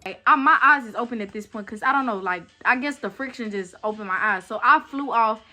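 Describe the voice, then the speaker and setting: A young woman telling a story to her viewers in a chatty, animated way. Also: on the high side, fairly quick. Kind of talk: casual storytime chat.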